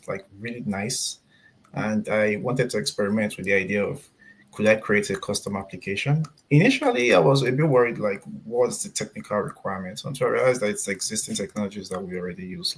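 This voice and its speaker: A man from Nigeria, a software engineer telling his story as a podcast guest in an earnest way. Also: lowish voice, gravelly, slight background noise. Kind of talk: casual interview answers.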